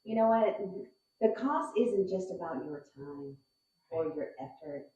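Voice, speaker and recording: A woman from Houston speaking as a panel guest, measured and reflective. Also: lowish voice, animated, dark tone. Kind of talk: casual panel talk. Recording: echoey, dull-sounding room.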